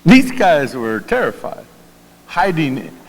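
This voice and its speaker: A pastor with a Southern US accent preaches conversationally in a church sanctuary, often repeating words and putting questions to his congregation. His fairly high voice is sing-song and slow with a breathy edge, and the recording has long church hall reverb.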